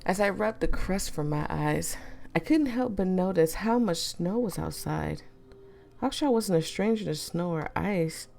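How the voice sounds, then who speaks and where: A woman's voice: lowish voice, expressive, measured pace, vocal fry, darkish tone. A woman with a cold and a swollen, congested throat, chatting casually and playfully as she hosts a story read-aloud. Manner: playful, self-interrupting, teasing the audience. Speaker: host reading a story aloud.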